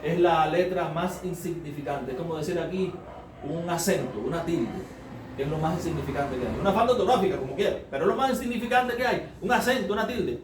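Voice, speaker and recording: A man's voice: on the high side, animated, brisk. A man preaching a sermon as a Bible study, explaining step by step and asking the congregation rhetorical questions. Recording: roomy, distant mic, faint noise.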